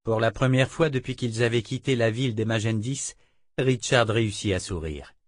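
A man narrating a fantasy novel in a measured, dramatic reading. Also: mid-range voice, dry recording, studio quality. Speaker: audiobook narrator.

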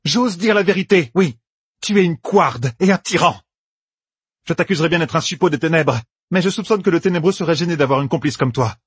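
A composed young woman prisoner, played by a male narrator, pressing her questions in a lifted, husky voice. Her tone stays cool and cutting. The recording is dry and close. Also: fairly high pitch, lively intonation, brisk, no room sound, pitched above the performer's own voice. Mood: defiant. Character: calm defiant young woman captive, sharp-tongued.

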